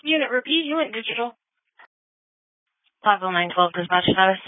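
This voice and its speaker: A woman's voice: medium pitch, expressive, moderate pace, no echo. A woman working as a police dispatcher, heard over a two-way radio and calling out units and codes in a clipped, procedural way. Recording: narrow, dry two-way radio audio.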